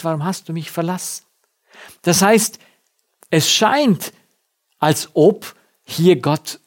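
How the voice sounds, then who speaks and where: Slow, emphatic male preacher. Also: on the high side. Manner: slow and emphatic, with swelling loud and hushed passages. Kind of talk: sermon.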